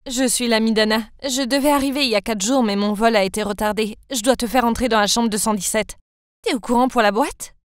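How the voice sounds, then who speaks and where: A woman voices a secretive young man in an animated story, hushed and urgent. The voice is high and smooth. The sound is close and dry. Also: brisk, dry recording, close to an everyday voice.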